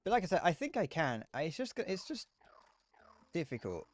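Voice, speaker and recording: A young British man streams a game and chats casually, his slightly whiny voice a little high with wildly swooping pitch at normal speed. He gives live gameplay commentary, rambling and self-deprecating, with the occasional swear word.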